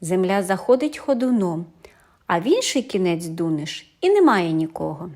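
A woman voicing a mysterious man in a night carriage, offering magic gifts in a measured, solemn way. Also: fairly low pitch, sing-song, a little mellow.

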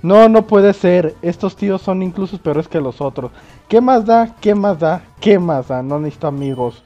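A man's voice: high-pitched, expressive, normal speed, highs cut off, soft background music. A man voicing a furious ranting male ghost dummy from a video game. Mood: angry. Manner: shouting insults, reading game text aloud.

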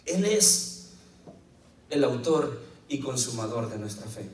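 A man preaching a lively sermon as pastor, telling the story and quoting scripture with jokes along the way. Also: mid-range voice, takes it slowly. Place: church hall. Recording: echoey church, mic at a distance.

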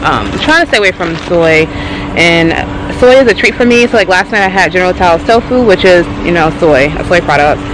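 A woman's voice: on the low side, animated, brisk, background noise. A young woman chatting casually to her camera in a rambling way with lots of ums and likes, filmed up close in a parking lot. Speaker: vlogger. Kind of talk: casual vlog chat. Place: outdoors in a parking lot by a car. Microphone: handheld camera close to face.

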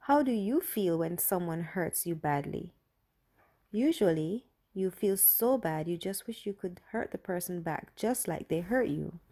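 A woman narrating a children's Bible story in a gentle, carefully read manner. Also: lowish voice, expressive. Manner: slow, gentle, clearly read.

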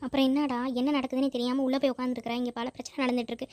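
A woman voicing a fast-nagging old village grandmother. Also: sits high, flat delivery, darkish tone, dry recording, natural voice. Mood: scolding. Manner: scolding, rapid nagging questions. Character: elderly village grandmother, worried and scolding. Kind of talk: Tamil cartoon voice acting.

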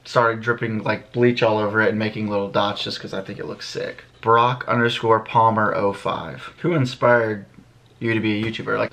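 This early-twenties American vlogger has a lowish but fairly bright voice. Relaxed and slangy, he fields questions for his channel in a small bedroom, speaking to a camera set a few feet away.

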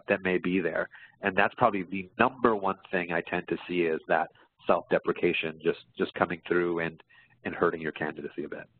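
A man with a low, husky voice presents as a career coach, explaining answers to webinar questions and frequently checking in along the way. The sound is muffled and phone-like, in an echoey room.

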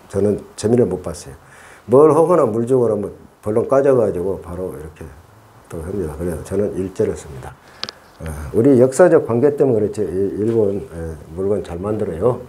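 A man's voice: fairly low pitch, dark tone, a little hiss or hum. A middle-aged man hosting a casual hands-on gardening tutorial, chatty and repeating himself as he thinks aloud. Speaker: orchid-growing channel host.

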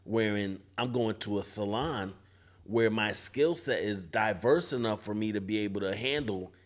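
Fairly low in pitch and moderate in pace, a barber in his forties talks thoughtfully on a podcast, repeatedly restarting his sentences. The setting is a casual panel discussion inside a barbershop event space, with a studio podcast mic mounted on a boom arm.

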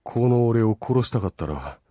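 A man voicing a brooding young male ninja from an anime, speaking in a Kansai accent with a low, slow, menacing delivery. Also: lively intonation, dark tone, no room sound, natural voice. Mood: grim.

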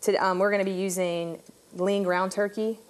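A young woman cooking on a TV studio kitchen set, relaxed and chatty as she explains each step, on a lapel mic. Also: mid-range voice, normal speed. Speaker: cooking show guest cook. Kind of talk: casual cooking demonstration.

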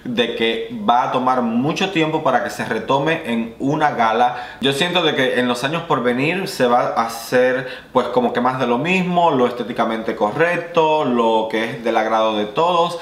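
A man's voice: mid-range voice, moderate pace, few pauses, a bit bright. Opinionated young man vlogging in an echoey room. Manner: opinionated, emphatic. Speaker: drag queen vlogger. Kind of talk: casual commentary vlog. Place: small indoor room.

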